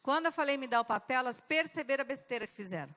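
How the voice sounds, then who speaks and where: A woman's voice: high-pitched, lively intonation, rapid-fire, pushed and bright. A woman speaking as a guest at a church service, telling a personal testimony in an emphatic, dramatic way with sudden shifts of pace. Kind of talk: testimony told from the pulpit. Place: large church hall. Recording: long church-hall reverb.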